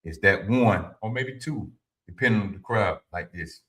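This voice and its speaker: A man's voice: lowish voice, normal speed, a bit bright, a little hiss or hum. A man in his fifties giving informal, preachy advice to his livestream viewers, repeating his points and answering the chat. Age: 50s. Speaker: livestream host. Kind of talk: motivational talk to a live audience.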